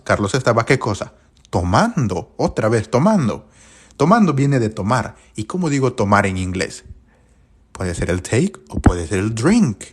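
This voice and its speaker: A man's voice: mid-range voice, husky. A man teaching English grammar in a live-streamed lesson, constantly asking viewers questions and repeating their answers back.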